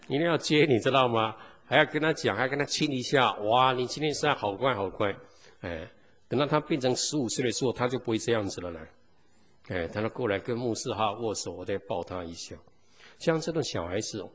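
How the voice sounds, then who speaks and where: A man's voice: medium pitch, fairly bright tone, husky. A man preaching a sermon as pastor, peppering the congregation with rhetorical questions. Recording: long hall reverb.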